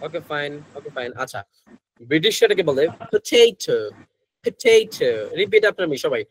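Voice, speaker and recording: A man's voice: fairly high pitch, expressive, brisk, slight background noise, low-quality recording. Bangladeshi man teaching English pronunciation. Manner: mixes Bengali with English phrases, asks the class questions. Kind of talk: online class lecture.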